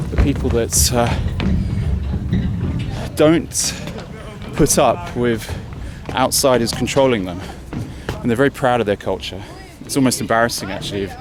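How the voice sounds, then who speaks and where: An English man talking while walking uphill outdoors for a travel vlog, chatty and thinking aloud, a bit out of breath. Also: medium pitch. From England. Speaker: travel vlogger. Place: outdoors on a city hill walk. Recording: faint outdoor street noise.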